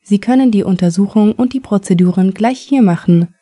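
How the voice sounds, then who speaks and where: A calm male surgeon, read by a woman who explains things in a measured way. The voice is mellow and dry. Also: medium pitch, no echo, close to an everyday voice.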